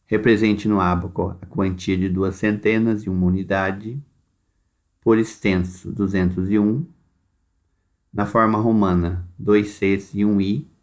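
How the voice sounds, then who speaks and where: A Brazilian man with a fairly low voice gives a recorded lesson to young pupils. He talks very slowly and deliberately, dictating tasks and drawing words out syllable by syllable. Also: a little mellow. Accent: Brazilian Portuguese. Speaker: primary school teacher. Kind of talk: recorded remote class instructions.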